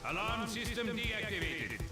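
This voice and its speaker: Stern loudspeaker security alarm voice. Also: male voice, high-pitched, very animated, a little slow, over loud music. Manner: clipped, commanding, repetitive.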